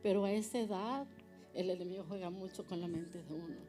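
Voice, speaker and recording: A woman's voice: lowish voice, a little fast, mellow, faint music behind. A woman sharing an earnest personal testimony at a church panel, often ending phrases with a tag question. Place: church service.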